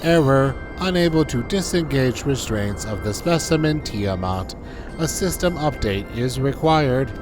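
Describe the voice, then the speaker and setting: A man putting on a robot voice for a dutiful male control terminal, speaking in clipped monotone announcements. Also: medium pitch, measured pace, over music. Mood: robotic. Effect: robot voice done by mouth, no filter. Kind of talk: voicing game dialogue while playing.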